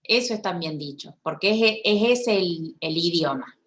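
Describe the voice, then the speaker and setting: A woman who gives voice to a signed lecture in first person. She talks haltingly, with restarts and frequent checks for agreement. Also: lowish voice, lively intonation, fairly bright tone. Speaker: sign language voice interpreter.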